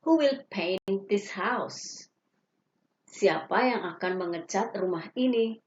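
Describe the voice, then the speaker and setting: A woman teacher reading English example questions slowly and carefully, each followed by its Indonesian translation. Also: medium pitch, animated, darkish tone, a little hiss or hum. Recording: dull lo-fi recording.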